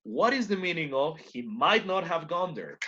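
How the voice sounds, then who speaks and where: A male teacher with a slightly high, very lively voice, explaining and constantly asking his class questions to check that they follow. The sound is dull and lo-fi, as if captured through the audio of an online class. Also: a little slow, breathy edge.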